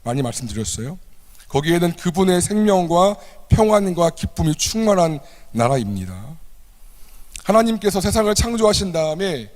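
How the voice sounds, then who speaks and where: A man's voice: sits high, big pitch swings, normal speed, a little mellow, long reverb tail. A man preaching a sermon to a youth service, acting out quoted lines with a raised voice. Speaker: youth ministry pastor. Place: church.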